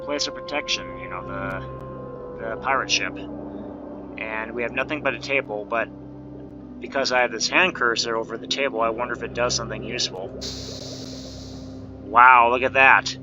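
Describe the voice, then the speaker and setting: A man's voice: medium pitch, moderate pace, long pauses. A man hosting a let's play, giving casual game commentary with wry, joking asides. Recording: dull lo-fi microphone with game music. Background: video game music.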